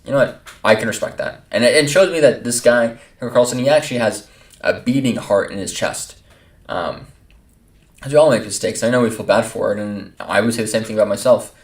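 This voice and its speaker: A man's voice: medium pitch, a little fast. A man giving casual reaction commentary in a loose, rambling way, full of fillers and restarts, laughing easily. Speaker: video reactor. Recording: roomy echo, far from mic.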